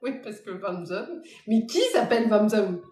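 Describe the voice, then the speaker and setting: A woman's voice: medium pitch, animated, measured pace, mellow, roomy sound. A woman medium giving a casual live-stream reading, talking straight to her viewers. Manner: casual, talks straight to the audience.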